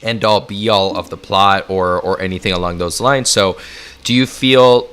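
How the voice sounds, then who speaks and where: Deep, bright-toned male co-host. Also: steady tone, moderate pace, smooth. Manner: easygoing, chatty, frequent "like" and "you know". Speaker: podcast co-host and audiobook narrator. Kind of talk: casual conversational interview.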